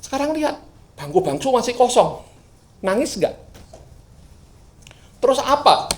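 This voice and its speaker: A male pastor preaching a sermon, moving from loud bursts to quiet asides. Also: very high-pitched, unhurried. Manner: lively, swings from loud bursts to quiet asides, sings briefly. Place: church hall. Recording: echoey hall, mic at a distance.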